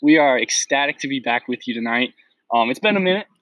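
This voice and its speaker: Male co-host, mid-pitched, blunt and easygoing, dry close mic. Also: animated, fast, a bit bright, dry recording. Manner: blunt, easygoing, laughs often. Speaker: podcast co-host. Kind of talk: casual chat.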